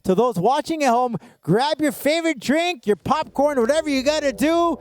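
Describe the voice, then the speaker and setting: High-pitched man, lucha libre-style fight announcer. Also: expressive, normal speed. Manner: bilingual, mixing Spanish phrases into English. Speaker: play-by-play announcer and host.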